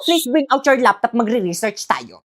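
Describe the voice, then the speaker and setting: A woman plays every part in a comedy skit, shifting from one character to the next. Her voice sits a little high, and now and then she calls out loudly. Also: sing-song, moderate pace. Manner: switches between several characters, loud calls. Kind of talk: comedic skit acting, playing many roles.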